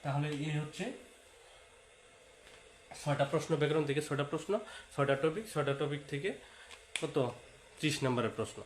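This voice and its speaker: Echoey teacher lecturing. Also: male voice, on the high side, fairly even intonation, fairly quick, pauses often. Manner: repetitive, talks straight to students, sprinkles English words. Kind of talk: exam-prep lecture. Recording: echoey room with faint hiss.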